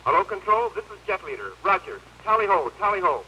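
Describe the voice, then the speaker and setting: Brisk jet pilot on a distant helmet radio. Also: male voice, high-pitched, big pitch swings, pushed and bright, dull audio, slight background noise. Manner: brisk, terse, formal call signs. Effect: pilot's helmet radio, distant and thin. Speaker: jet squadron leader. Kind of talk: clipped radio procedure.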